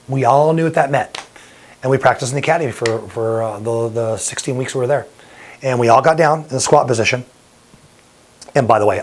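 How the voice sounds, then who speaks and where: Earnest middle-aged man telling a story. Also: mid-range voice. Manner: earnest, openly emotional. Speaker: bodybuilding promoter and firefighter. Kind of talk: personal storytelling to camera.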